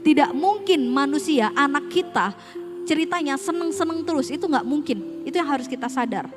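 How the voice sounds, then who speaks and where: A woman's voice: high-pitched, expressive, normal speed, music in the background. A woman on a school's staff giving a casual parenting seminar, speaking straight to parents and asking them rhetorical questions. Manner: conversational, mixes casual slang. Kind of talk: parenting seminar talk with slides.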